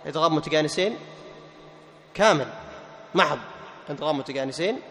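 A man's voice: fairly high pitch, fairly bright tone. Man teaching tajweed with echoing reverb. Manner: asks the class questions and answers them himself, repeats key terms; recites verses slowly and melodically. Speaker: Quran recitation teacher. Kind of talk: explaining tajweed rules in class. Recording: long hall reverb.

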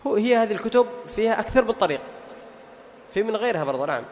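A man's voice: high voice, animated, very fast. A man teaching a Quran recitation class, quizzing his students and now and then chanting verses. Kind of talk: classroom lesson with questions to students. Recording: faint noise, long reverb.

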